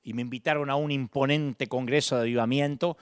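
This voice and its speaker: A middle-aged man with a Rioplatense Spanish accent preaching a sermon, dramatic, swinging from loud bursts to hushed tones with self-mocking humor. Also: mid-range voice, steady tone, fairly quick, clear, resonant tone, no room sound, studio quality.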